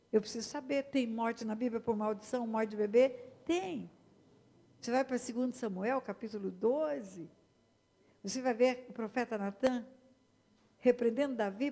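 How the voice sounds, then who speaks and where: High, gravelly Brazilian woman pastor preaching. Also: warm tone, in a large hall. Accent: Brazilian Portuguese. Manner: emphatic preaching, addressing the congregation directly. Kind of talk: sermon. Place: church hall.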